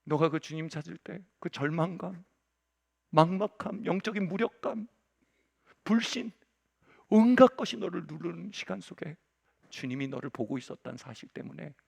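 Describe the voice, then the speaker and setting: A pastor in his forties preaching a sermon, telling a story dramatically, swinging from loud outbursts to hushed asides and crying out in prayer. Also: on the high side, expressive, normal speed, vocal fry, slightly rough. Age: 40s. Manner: acts out quoted voices and cries out in prayer.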